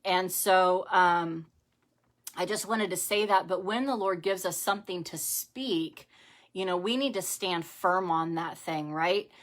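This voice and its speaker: A woman's voice: fairly low pitch, unhurried. A middle-aged woman hosting a live-streamed devotional talk from home, speaking conversationally with many fillers and repeated phrases. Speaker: ministry host.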